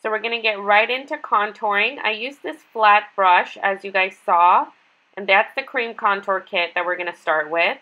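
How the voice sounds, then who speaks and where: A woman's voice: medium pitch, normal speed, highs cut off. A woman in her twenties with a stuffed-up, nasal whine from being sick, giving a casual makeup tutorial. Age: 20s. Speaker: beauty vlogger. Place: small bedroom, indoors.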